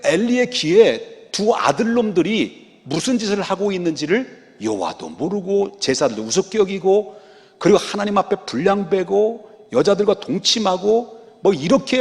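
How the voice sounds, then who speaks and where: A male pastor delivers an emphatic sermon, repeatedly firing rhetorical questions at his congregation. His voice sits a bit high and leaps widely in pitch. The church sanctuary adds a long, ringing reverb. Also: a little mellow. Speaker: senior pastor. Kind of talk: expository sermon.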